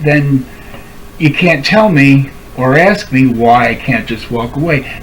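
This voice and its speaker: A man talks into his camera at home in a raw, pleading monologue, repeating himself as he circles back to the same hurt. His voice sits a little high for a man. A faint hiss runs under the home recording. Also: rough recording. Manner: heartfelt, pleading, repetitive. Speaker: vlogger. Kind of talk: emotional direct-to-camera monologue.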